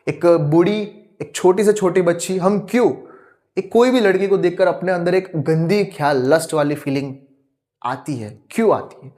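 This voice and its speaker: A man's voice: a little high, a little mellow. A young man giving an earnest spoken lecture, asking rhetorical questions over and over and mixing in English words. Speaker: youtube teacher.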